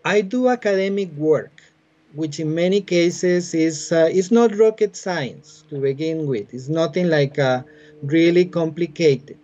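His voice a little high yet soft and warm, a forties-aged biologist from Costa Rica, who also teaches at a university, explains his answers in an interview with a Spanish accent. He's patient, hesitating often on "uh," and the audio is muffled, recorded via laptop webcam during a video call from a home room with bookshelves.

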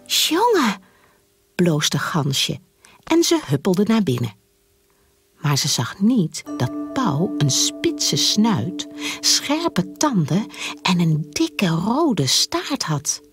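A woman reading a children's storybook aloud, slow, gentle and expressive. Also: on the low side, soft background music.

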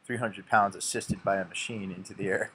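Low-voiced man coaching a back workout. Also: steady tone, a little fast, a bit bright, slight background noise. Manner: instructive, self-mocking. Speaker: bodybuilder narrating his workout. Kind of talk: casual workout voice-over.

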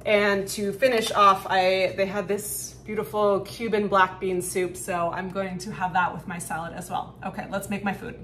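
A woman's voice: mid-range voice, flat delivery, moderate pace, few pauses, fairly bright tone, slight background noise, low-quality recording. A woman chatting casually and upbeat to camera in a lifestyle vlog, with frequent "like" fillers, filmed at home and out on her porch. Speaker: lifestyle vlogger. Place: home kitchen and outdoor porch.

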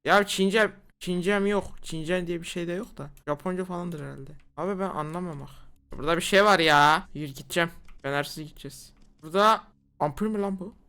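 A woman's voice: lowish voice, brisk, smooth. Jumpy woman playing a horror game. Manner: jumpy and excitable, slangy exclamations. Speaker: gamer. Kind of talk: horror game let's play commentary.

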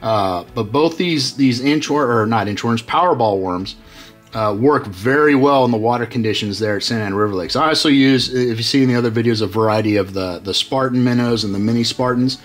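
In a workshop whose walls are covered in tackle, a middle-aged fishing channel host briskly explains how he rigs his baits. His mid-range voice stays relaxed, full of fillers and restarts, with soft music in the background.

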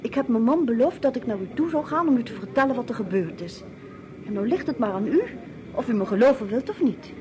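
A woman's voice: on the high side, animated, fairly quick, noisy background, close to an everyday voice. An actress in a 1950s radio drama, playing a composed, resourceful woman who helps a detective and explains things steadily. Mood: urgent, firm. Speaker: detective's wife in a radio play.

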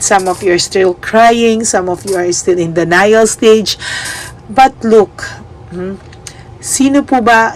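A woman giving a tarot reading, gentle and reassuring, mixing Tagalog and English and checking in with "no?". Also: medium pitch, a little hiss or hum. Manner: gentle, reassuring, ends phrases with "no?"; mixes Tagalog and English, polite "po". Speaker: tarot reader.

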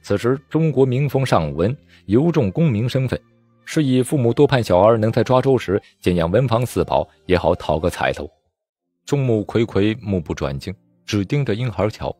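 Low-voiced expressive storybook narrator. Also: male voice, normal speed, no room sound. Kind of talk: novel audiobook narration.

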